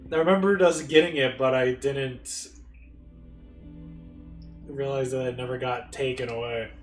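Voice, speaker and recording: A man's voice: mid-range voice, fairly even intonation, a little slow. A man joking sarcastically while commentating on a video game. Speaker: let's play host. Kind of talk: casual gaming commentary. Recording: roomy, distant mic with game music.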